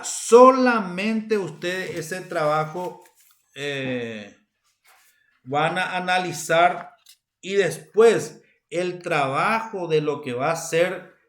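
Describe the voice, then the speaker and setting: Slow, halting Paraguayan woman teacher. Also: low-pitched. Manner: unhurried, halting, repeats phrases. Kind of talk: recorded university lecture.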